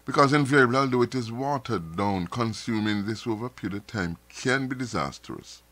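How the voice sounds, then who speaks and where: Talking loosely to his live stream viewers, a man rambles along, repeating words and restarting often. He sounds a bit nasal because of dust in his throat. His mid-range voice is expressive, fairly quick and somewhat bright.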